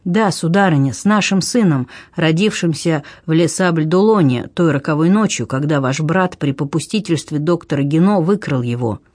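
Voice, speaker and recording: A man's voice: a little high, lively intonation, moderate pace, hardly any pauses, darkish tone, no room sound. A man reading an audiobook, voicing a bitter sea captain who pleads his case earnestly and insistently. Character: bitter middle-aged male sea captain.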